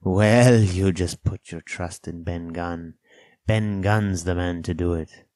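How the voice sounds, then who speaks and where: A man voicing a half-crazed, sly and childish old marooned sailor in a storybook, with rustic dialect, drawn-out words and sudden excitable bursts. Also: deep voice, no echo, studio quality. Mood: wheedling.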